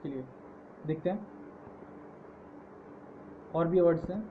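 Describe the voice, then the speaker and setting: Slow high-voiced teacher, tinny line. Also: male voice. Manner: slow, patient, repeating word forms in lists. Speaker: English grammar teacher. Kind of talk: online grammar lecture. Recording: tinny phone-like audio with faint hiss.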